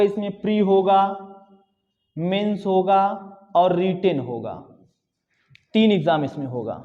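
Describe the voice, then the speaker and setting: A man's voice: high voice, warm tone. A man teaching a classroom lecture, urging students in a repetitive, conversational way. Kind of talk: classroom lecture on exam preparation. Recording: dull lo-fi sound with long reverb.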